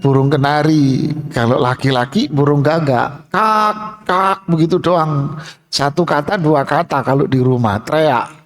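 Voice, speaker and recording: A male Islamic preacher speaking to a mosque congregation in a lively, chatty way. He talks in a rather high voice and breaks into everyday examples as he teaches. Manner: lively, colloquial, acts out examples. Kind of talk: mosque sermon.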